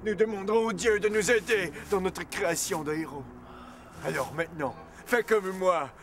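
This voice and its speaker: An actor playing a solemn, theatrical druid of the Gauls in a comic stage play, with grandiose declamation. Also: male voice, high-pitched, moderate pace, slight background noise, natural voice.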